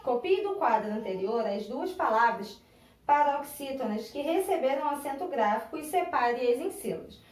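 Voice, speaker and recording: A woman's voice: high voice, expressive, moderate pace, a little mellow. A Brazilian woman teaching a grammar lesson in a classroom, patiently breaking words into syllables and repeating them. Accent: Brazilian Portuguese. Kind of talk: recorded online classroom lesson. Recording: echoey room, voice from a distance.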